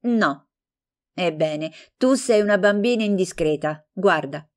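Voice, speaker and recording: A woman voicing a gentle, lonely young woman who answers softly and patiently in a storybook reading. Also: fairly low pitch, animated, measured pace.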